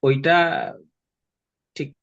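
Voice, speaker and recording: A man's voice: drawn-out words, no echo, muffled recording. A male student on a video call who hesitantly asks about a part of the lesson he did not follow. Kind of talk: question in class.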